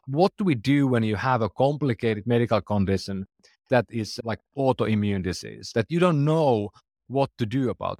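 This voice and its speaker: A man's voice: medium pitch, darkish tone, no echo, clean studio sound. A man in his forties with a Finnish accent, a startup founder talking earnestly in a conversational interview, phrasing loosely with restarts. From Finland. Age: 40s.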